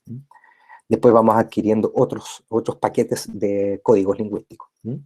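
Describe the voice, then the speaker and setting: A man's voice: on the low side, level tone, normal speed, a little mellow, husky. A man giving a recorded university lecture, explaining step by step and often checking in with his listeners. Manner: constant tag checks with listeners; explanatory, repeats and rephrases points.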